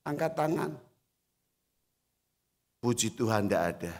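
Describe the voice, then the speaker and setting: A man preaching a sermon as a retired pastor. His carries a tinge, and he swings between loud exhortation and low, quiet storytelling. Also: big pitch swings, unhurried. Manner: acts out voices in anecdotes. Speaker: pastor emeritus. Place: church hall. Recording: reverberant church hall.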